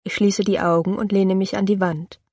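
A woman reading a first-person storybook as narrator, calm and even. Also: medium pitch, moderate pace, husky, no room sound, studio quality.

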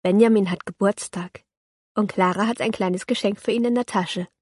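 A woman reads a children's story aloud in a calm, clear manner, her voice sitting at an ordinary middle pitch. The recording is dry and close, with no room sound around her. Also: normal speed, no room sound. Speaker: narrator. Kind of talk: children's audiobook reading.

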